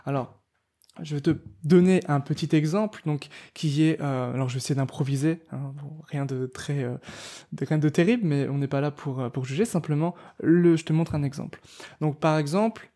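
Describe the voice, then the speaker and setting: A man with a fairly high-pitched yet dark-toned voice gives a casual tutorial on writing poetry at a moderate pace. He speaks directly to the camera, with plenty of fillers and restarts.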